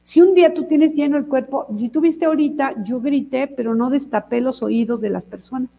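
A woman, co-hosting a casual chat and telling lively stories to demonstrate techniques. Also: high voice, a little fast, gravelly, long reverb tail, low-quality recording. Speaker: co-host.

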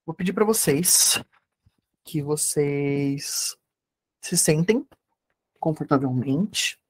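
A man, a therapist teaching an online workshop and leading a guided meditation with calm, repetitive instructions over a video call. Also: a little high, takes it slowly.

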